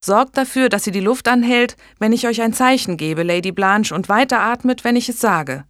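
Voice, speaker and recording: Woman voicing a calm young midwife. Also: on the high side, moderate pace, no room sound, studio quality, voice pushed up, close to an everyday voice. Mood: reassuring. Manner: polite, reassuring.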